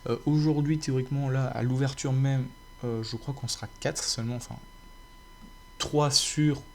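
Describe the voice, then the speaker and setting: A man's voice: medium pitch, fairly even intonation, moderate pace, vocal fry, a little hiss or hum. A man casually chatting to his viewers about his game server, rambling with many fillers and restarts. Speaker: gaming YouTuber.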